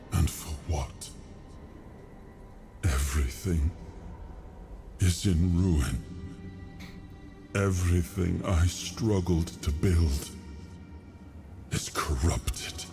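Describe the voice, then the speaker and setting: A stern, burdened king from a fantasy game. His voice is extremely low and his delivery slow and solemn, weighing every word. Prominent music plays behind him. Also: heavily acted. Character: grave, regretful King Arthur, stern ruler burdened by past decisions. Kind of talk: dramatic fantasy video game acting.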